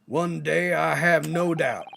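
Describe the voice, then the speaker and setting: A man's voice: a little high, takes it slowly, vocal fry, fairly bright tone, slight background noise, exaggerated voice. A man voicing a proud, resolute young male swordsman in a video game, speaking in a solemn, declamatory way. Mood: determined.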